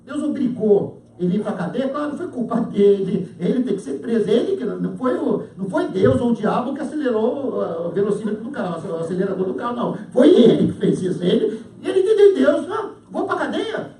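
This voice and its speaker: Brazilian male pastor, high mellow voice, lively storytelling sermon, echoey hall from afar. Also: fast talker, hardly any pauses. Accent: Brazilian Portuguese. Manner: animated storytelling, acts out dialogue with laughter. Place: church hall. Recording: echoey church hall, from a distance.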